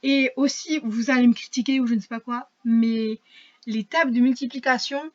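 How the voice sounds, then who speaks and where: A teenage girl talks in a loose, rambling vlog chat, full of fillers and restarts as she laughs at her own shortcomings. Her voice sits a little high. The recording is dull and lo-fi, like a cheap home mic. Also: steady tone, moderate pace. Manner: rambling and self-mocking, many fillers and restarts. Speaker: vlogger. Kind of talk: casual chat to camera.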